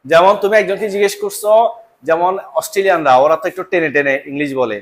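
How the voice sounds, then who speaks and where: High-voiced man teaching. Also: quick pace. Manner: repeats terms and keeps checking understanding. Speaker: biology teacher. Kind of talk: live classroom lecture.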